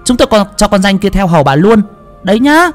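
Casting: a man doing a shrill vicious daughter-in-law, loud rapid scolding, storybook villain. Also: very animated, soft background music. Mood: sneering. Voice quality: shrill, screeching. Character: shrill cruel middle-aged daughter-in-law.

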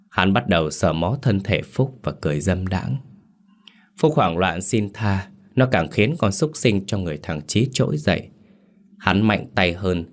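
A man narrating a grim, graphic horror story. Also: low voice.

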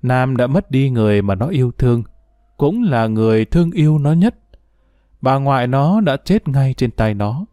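A man narrating a dramatic audio story with expressive, emotional delivery. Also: medium pitch, moderate pace, no room sound.

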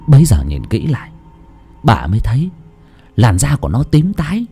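A man's voice: medium pitch, huge pitch swings, normal speed, gravelly, mellow. A man narrating a horror story in a dramatic storytelling voice. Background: faint background music.

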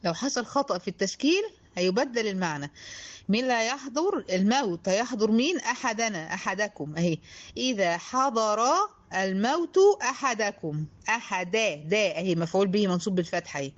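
A woman's voice: medium pitch, expressive, dull audio. Egyptian woman teaching Quran recitation. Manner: slow, drawn-out recitation between brisk explanations; addresses a female student directly, instructive. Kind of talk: tajweed lesson.

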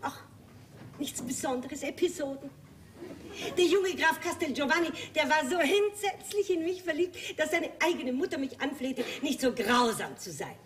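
An affected, worldly society lady who laughs through her confessions. Her voice sits high. It comes from a distance on a stage recording with faint noise. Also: big pitch swings, moderate pace. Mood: wistful. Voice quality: theatrical, affected, laughing asides. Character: aging flirtatious society lady, theatrical, worldly. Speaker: Lady Kitty. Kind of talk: 1980s stage play recording.

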